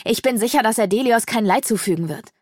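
A woman's voice: on the high side, quick pace, darkish tone, no room sound, clean studio sound, pitched above the performer's own voice, lightly acted. A woman voicing an earnest, trusting young male companion who protests firmly, in an audiobook.

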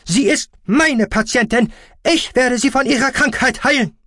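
A man voicing an agitated, imperious male alien doctor in an audiobook, loud and scolding. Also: high voice, normal speed, no echo, studio quality, pitched above the performer's own voice. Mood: furious.

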